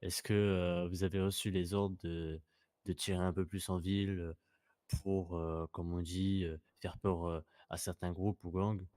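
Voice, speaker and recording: A man hosting a role-play news interview, asking polite questions in a hesitant, halting way. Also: deep voice, level tone, dark tone, no room sound. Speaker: interviewer, host.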